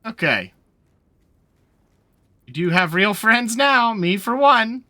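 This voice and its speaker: A man's voice: high voice, expressive, takes it slowly, pushed and bright, no room sound, studio quality. A man doing casual gameplay commentary, reading dialogue choices aloud as he plays. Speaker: video game streamer playing through a game.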